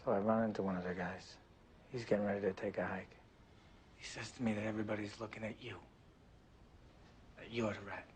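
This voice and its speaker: An actor playing a hardened undercover cop in a crime drama, terse and streetwise. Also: male voice, fairly low pitch, little pitch movement, brisk, pauses often, a little hiss or hum, lightly acted.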